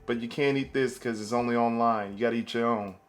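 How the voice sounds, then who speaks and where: A man's voice: medium pitch, fairly even intonation, fast, soft background music. A man hosting a casual cooking tutorial, talking the viewer through each step with playful, jokey asides. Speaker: cooking video host.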